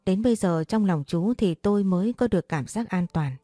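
A woman narrating a first-person story in a steady, earnest reading voice. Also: medium pitch, moderate pace, no echo, clean studio sound, faint music behind.

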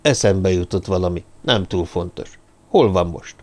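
A man voicing a brooding, secretive drifter who speaks quietly and sparingly in an audiobook. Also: low-pitched, close to an everyday voice. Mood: musing.

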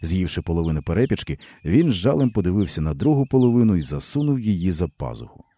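Male narrator for a literary audiobook: very deep, dark and husky voice, measured delivery, dry close mic. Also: dry recording. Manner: steady, measured literary reading.

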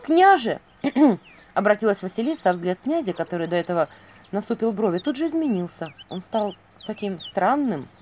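A woman narrating a fairy-tale audiobook in an expressive, animated storytelling manner. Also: medium pitch, fairly quick, slight background noise.

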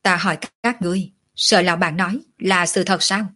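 A woman's voice: lowish voice, steady tone, pushed and bright. Woman reading as a stern imposing commander. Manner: commanding, measured questioning.

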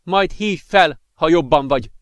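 A worried young woman, her voice lifted high and strained as she begs and pleads, performed by a male reader. The sound is close and dry. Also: no echo, lightly acted. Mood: distressed. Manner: pleading, pained. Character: worried young blonde woman, caring girlfriend.

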